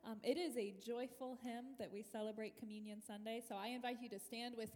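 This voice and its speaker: A woman's voice: a little high, steady tone, brisk, darkish tone. Woman pastor in cathedral-like echo. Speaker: pastor leading worship. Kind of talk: church liturgy with prayers and announcements. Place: large echoing church during a service. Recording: long cathedral-like reverb in large space.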